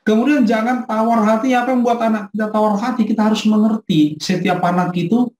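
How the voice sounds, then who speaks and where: A middle-aged man, a pastor, teaching a parenting class in a lively way and acting out quotes from his child. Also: high voice, fairly quick. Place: church hall. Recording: echoey room.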